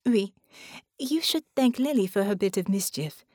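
A woman's voice: medium pitch, expressive, normal speed, darkish tone, no echo, clean studio sound, close to an everyday voice. A woman voicing a proud, prim female pilot spirit with a French accent. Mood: haughty.

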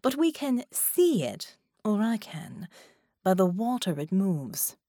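An imperious ancient sea goddess, voiced by a woman narrator, speaks in slow, formal, deliberate phrases. Her tone is lofty and impatient with groveling. The storybook recording is dry and close. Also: mid-range voice, very animated, dark tone, no echo. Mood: stately. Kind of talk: audiobook character voice.

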